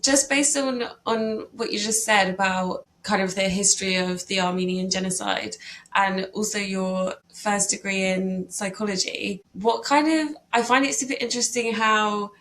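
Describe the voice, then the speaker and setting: A woman's voice: mid-range voice, moderate pace, fairly bright tone. A woman hosting an interview podcast, reading a formal guest introduction and then asking questions with some hesitant restarts. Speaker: podcast host.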